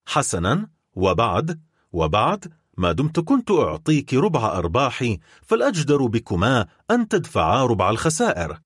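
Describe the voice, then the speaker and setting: A stern, accusing baron with a cold and bitter edge, as a male narrator reads him. The voice is husky and lively, swinging widely in pitch. It sounds dry and close, with no room around it. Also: normal speed, no room sound. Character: scheming wealthy middle-aged baron, cold and bitter.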